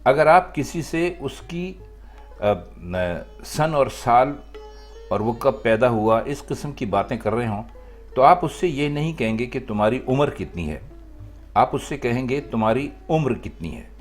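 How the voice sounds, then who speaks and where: A man giving a measured, deliberate lesson on correct word usage, pausing briefly now and then. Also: medium pitch, lively intonation, soft background music. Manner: measured and deliberate, with short pauses and "uh" fillers. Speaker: language teacher.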